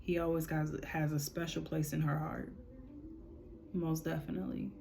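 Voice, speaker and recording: A woman giving a spiritual reading in a casual, informal way, relaying messages with a steady run of "she said". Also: sits low, normal speed, gravelly, slight background noise. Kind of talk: casual channeling monologue.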